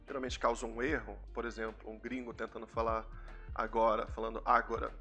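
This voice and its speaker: A man's voice: medium pitch, little pitch movement, fairly quick, sharp tone, soft background music. A young Brazilian man with a Brazilian Portuguese accent, giving a chatty English lesson and explaining pronunciation with repeated examples. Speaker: English teacher. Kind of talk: casual YouTube English lesson.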